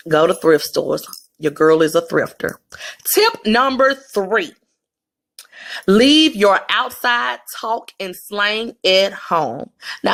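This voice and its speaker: Bright-voiced Southern woman giving candid advice. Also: mid-range voice. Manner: candid, down-to-earth, emphatic. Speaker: career advice vlogger. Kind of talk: casual advice talk to camera.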